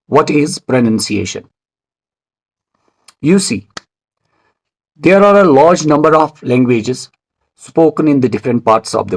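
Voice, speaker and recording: A man teaching English pronunciation in a scripted video lecture, speaking in a measured, formal way and spelling out words letter by letter. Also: fairly high pitch, darkish tone, rough recording.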